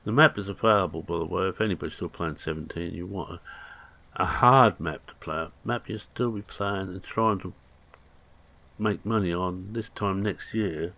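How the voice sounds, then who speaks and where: A man's voice: low voice, moderate pace, gravelly, bright, forceful tone. A man, chatting casually through gameplay commentary with rambling, jokey asides. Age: 60s. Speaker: gaming channel host.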